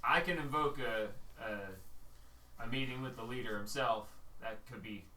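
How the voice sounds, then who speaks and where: Bright-voiced male game master, roomy sound. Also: mid-range voice, a little slow. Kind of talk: narrating a tabletop role-playing game. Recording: roomy, distant mic, faint noise.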